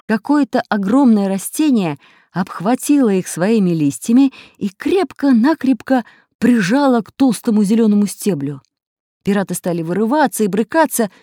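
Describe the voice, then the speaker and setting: A woman narrating a children's audiobook in an expressive storytelling manner. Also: medium pitch, moderate pace, no echo, clean studio sound.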